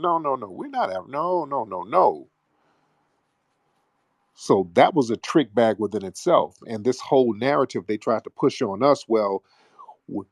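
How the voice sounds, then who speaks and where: A man's voice: medium pitch, a little mellow, no echo, studio quality. An American man hosting a live audio chat room, delivering an emphatic, streetwise, preaching-style monologue. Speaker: host.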